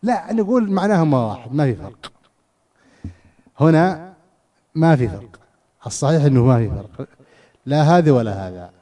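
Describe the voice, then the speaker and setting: A man teaches a lesson on scripture and grammar in a fairly high but mellow voice. He asks his students questions, repeats phrases to drive them home and often restarts his words. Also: very animated, normal speed, long pauses. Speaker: teacher of Quranic exegesis and grammar. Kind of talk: classroom lesson.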